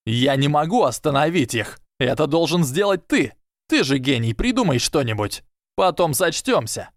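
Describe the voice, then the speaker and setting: A man's voice: a little high, moderate pace, clear, resonant tone, dry recording, clean studio sound, pitched above the performer's own voice, lightly acted. A man voicing an arrogant, scheming schoolboy wizard who drawls and mocks. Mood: desperate whisper. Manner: drawling, mocking.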